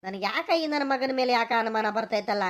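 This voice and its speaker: A woman's voice: on the high side, lively intonation, a little fast, natural voice. A woman voicing a stern, suspicious older village father who scolds with demanding questions, speaking with a rural Karnataka accent. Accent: rural Karnataka Kannada.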